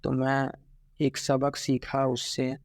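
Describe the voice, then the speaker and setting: A young man talking in a halting, regretful way about his heartbreak in a personal vlog, with many pauses and restarts. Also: medium pitch, monotone, no echo, clean studio sound. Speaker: vlogger.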